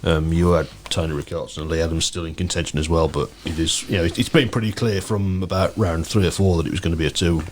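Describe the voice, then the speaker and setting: Brisk deep-voiced co-host, rapid and knowledgeable in relaxed chat. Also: male voice, slight background noise. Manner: rapid, knowledgeable, hedges with "to be fair". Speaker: podcast co-host. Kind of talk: casual sports chat.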